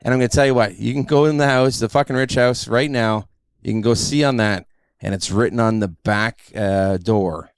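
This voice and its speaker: A man hosting a podcast, telling stories in a brash, profane, animated way. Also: mid-range voice, moderate pace, few pauses, clean tone, no room sound, studio quality. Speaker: podcast host. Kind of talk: casual podcast chat.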